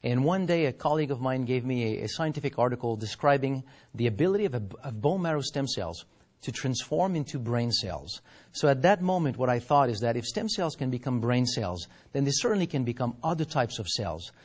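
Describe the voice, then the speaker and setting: A man speaking as a company science officer, explaining research in formal, measured terms during an interview. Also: mid-range voice, expressive.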